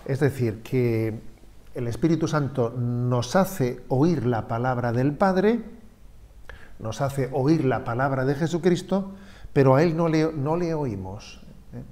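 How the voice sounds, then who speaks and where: Mellow-voiced bishop teaching catechism. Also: male voice, medium pitch, slow pace. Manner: explanatory, with frequent "eh" and "¿no?" asides. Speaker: bishop giving catechism talks. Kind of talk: catechetical talk.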